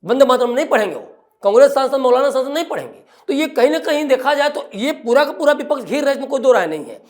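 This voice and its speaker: A man's voice: very high voice, sing-song, fast. A man speaking as a political commentator on a TV news panel, emphatic and firing off rhetorical questions.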